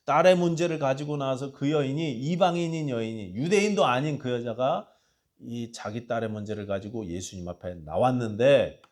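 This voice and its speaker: Impassioned Korean pastor preaching. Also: male voice, mid-range voice, normal speed. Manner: swings from hushed asides to loud impassioned cries; reads scripture aloud with the congregation. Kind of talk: sermon. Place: church sanctuary.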